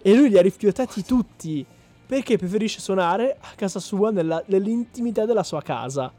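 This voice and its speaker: A fairly high-voiced man co-hosts a relaxed podcast chat. He talks in a chatty, self-correcting way, often laughing, while faint music sits underneath. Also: moderate pace. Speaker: podcast co-host. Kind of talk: casual chat.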